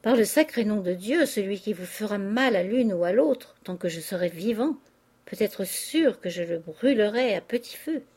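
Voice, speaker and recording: A woman's voice: a little high, moderate pace, darkish tone, natural voice. A woman reading aloud, voicing a grief-stricken old father who erupts in anguished rage. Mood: furious. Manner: anguished outbursts of rage and despair. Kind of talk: audiobook character reading.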